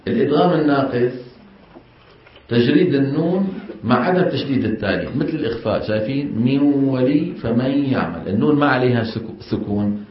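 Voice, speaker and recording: A man's voice: medium pitch, fast talker, slight background noise. A middle-aged man teaches Quran recitation, explaining step by step, questioning the class and modeling the sounds. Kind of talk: classroom lesson. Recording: echoey room, dull sound.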